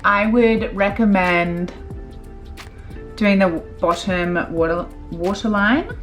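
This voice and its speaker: A woman's voice: mid-range voice, slow, faint music behind. A woman, a makeup artist chatting casually through a tutorial with lots of fillers. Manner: chatty, filler-heavy, relaxed.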